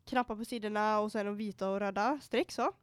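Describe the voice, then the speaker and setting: A young woman co-hosting a casual podcast, telling an animated story, acting out what she said, swearing freely and dropping in English phrases. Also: mid-range voice, smooth, dry recording. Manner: animated storytelling, quoting herself. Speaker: podcast co-host. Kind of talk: casual chat.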